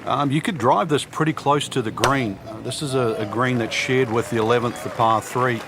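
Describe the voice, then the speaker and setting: A man's voice: mid-range voice, moderate pace. A man giving golf commentary as the analyst, explaining the course in a conversational way. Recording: crowd and outdoor noise behind.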